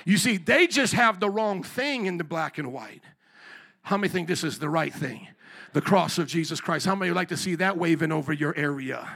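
A man preaches through a pulpit microphone with a high, bright, forceful voice. He drives the sermon with emphatic call-and-response, pressing the congregation to answer him. The sound is that of a church service picked up at the pulpit. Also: lively intonation, fairly quick, creaky. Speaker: pastor. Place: church sanctuary.

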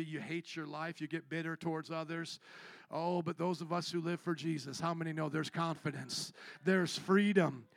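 A male pastor preaching a sermon, calling out to his congregation for responses and moving from low, quiet passages up to loud shouted peaks. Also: creaky, no room sound.

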